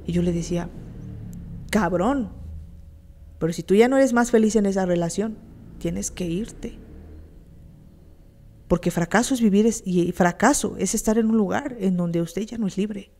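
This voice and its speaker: A woman's voice: mid-range voice, normal speed, mellow. A woman with a Mexican accent giving a blunt, emphatic motivational talk on a radio show, full of crude slang and runs of rhetorical questions.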